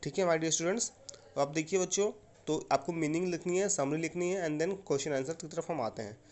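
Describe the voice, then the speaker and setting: Indian guy teaching english class, slightly high voice, goes slow and repeats stuff, keeps saying okay. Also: darkish tone. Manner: explains slowly and repeats, often asking "okay?". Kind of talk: online class lesson.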